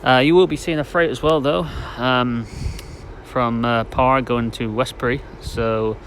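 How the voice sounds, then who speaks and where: A man's voice: mid-range voice, fairly even intonation, measured pace, a bit bright. A man giving casual, matter-of-fact trainspotting commentary outdoors on a station platform, a little hesitant. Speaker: trainspotting video host. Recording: noisy outdoor station recording. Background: station and vehicle noise.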